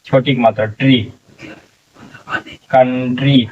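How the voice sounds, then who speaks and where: Male tutor, unhurried spelling drill, heard from a distance on a dull lo-fi mic. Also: mid-range voice, fairly even intonation. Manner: slow, drawn-out syllable-by-syllable sounding out; frequent "theek hai" check-ins. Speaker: English teacher. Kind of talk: spelling lesson, sounding out words letter by letter.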